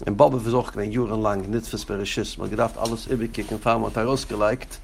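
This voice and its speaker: A man's voice: lowish voice, fairly even intonation, fast, gravelly, darkish tone, a little hiss or hum. A man teaching a Torah class as a rabbi, speaking directly to his students and chanting quoted texts in a raised, sing-song voice. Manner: addresses students directly by name.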